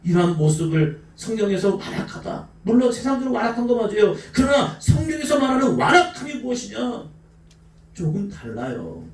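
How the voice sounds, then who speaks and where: A man preaching a sermon as pastor, emphatic, swinging between shouts and soft asides. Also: very high-pitched, very animated, brisk. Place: church sanctuary. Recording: echoey church hall from a distant mic.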